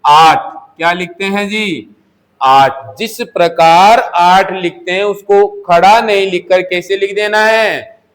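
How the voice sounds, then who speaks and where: Male teacher, high voice, unhurried; quizzes the class and answers himself, drills key words. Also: a bit bright. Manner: asks questions and answers them himself, repeating key words. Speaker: Hindi teacher. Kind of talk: classroom lesson. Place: coaching classroom.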